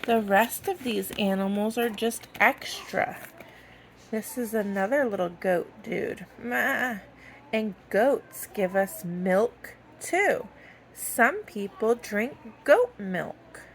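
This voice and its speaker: Talking to toddlers about toys in a children's educational video, a woman uses simple words and playful, sing-song questions, much like reading to a little one. Her mid-range voice is slow and expressive, and the recording has a little hiss or hum.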